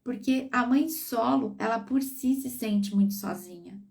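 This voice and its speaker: A woman's voice: a little high, a little slow, gravelly, distant mic. A woman psychologist talking on a live stream, giving parents advice and checking that listeners follow. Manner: warm coaching, checks in with listeners.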